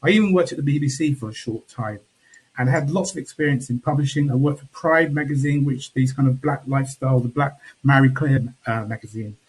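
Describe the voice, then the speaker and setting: A man on a video call, introducing himself as a panellist in a measured way with pauses and restarts. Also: medium pitch, slightly rough, poor audio. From England.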